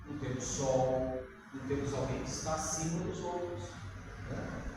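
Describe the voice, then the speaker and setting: A man's voice: mid-range voice, normal speed, background noise. An older man preaching a sermon in a Brazilian Portuguese accent, talking conversationally and putting questions to the congregation. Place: church hall. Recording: echoey hall, far from the mic.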